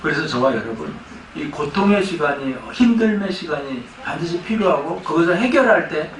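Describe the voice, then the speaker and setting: Male pastor, animated storyteller, slightly high voice, distant mic in an echoey sanctuary. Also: moderate pace. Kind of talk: sermon. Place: church sanctuary. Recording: echoey church hall from far off.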